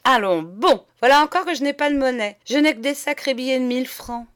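A woman voicing a boastful, blustering middle-aged man, the master of the house, who talks loudly and swears freely. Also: very high voice, unhurried, pitched above the performer's own voice. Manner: loud, swaggering, swears freely.

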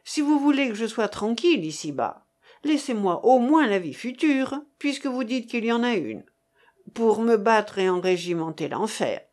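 A woman reading the part of a gruff old male lieutenant, a sailor and soldier who swears and blusters with soldierly bravado. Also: a little high, lively intonation, normal speed, a little mellow, lightly acted. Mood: blustering.

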